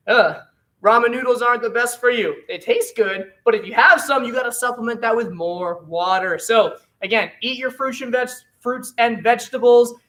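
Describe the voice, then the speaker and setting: Upbeat, bright-voiced martial arts instructor. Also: medium pitch, distant mic, low-quality recording. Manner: upbeat, encouraging, gives counts and drill cues. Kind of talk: online class coaching.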